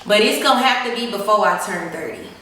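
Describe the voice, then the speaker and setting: A woman's voice: mid-range voice, lively intonation, fairly quick, sharp tone, slight background noise. A woman, chatting casually and giggling while she answers follower questions beside her partner. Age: 20s. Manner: chatty, giggly, says y'all. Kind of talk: casual chat. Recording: echoey room, mic at a distance.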